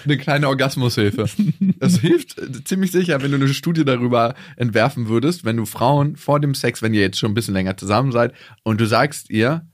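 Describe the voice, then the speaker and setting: A man chatting casually on a podcast, and his voice lands close and dry. He talks with playful emphasis and drops into theatrical voices for the phrases he quotes. His pitch sits at an ordinary middle level for a man. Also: fairly quick, no echo. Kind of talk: casual chat.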